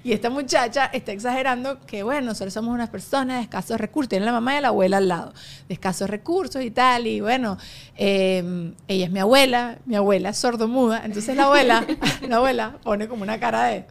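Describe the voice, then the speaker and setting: A Venezuelan woman hosting a casual podcast chat, lively and quick to laugh, filling with "o sea". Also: fairly high pitch, creaky. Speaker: podcast host.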